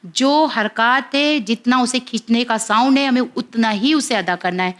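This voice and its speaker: A woman teaching children to read the Quran, slowly spelling out each syllable and repeating it with patience. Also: on the high side, a bit bright. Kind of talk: slow, careful lesson for children.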